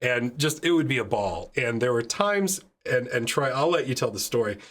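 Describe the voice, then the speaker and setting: A man's voice: mid-range voice, lively intonation, moderate pace, fairly bright tone. A man hosting a podcast, chatting casually with a friend, often repeating phrases and restarting sentences. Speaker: podcast host.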